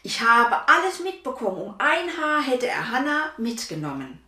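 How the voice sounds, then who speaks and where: A woman reading a children's story, voicing a shrewd, protective old woman who speaks gravely. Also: fairly high pitch, very animated, normal speed, reverberant, far from the mic, pitched above the performer's own voice, full character voice. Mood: earnest. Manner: loud calling, then grave.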